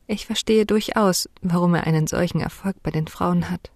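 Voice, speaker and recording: Hushed woman reading a storybook. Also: fairly low pitch, moderate pace, no echo, clean studio sound. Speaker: audiobook narrator. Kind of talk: first-person storybook narration.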